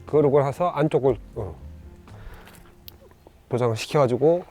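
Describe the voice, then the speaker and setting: A man explaining bonsai pruning in a casual, halting way, full of fillers and restarts while he points things out, with soft music under his voice. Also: medium pitch. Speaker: bonsai grower. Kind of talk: casual instructional demonstration.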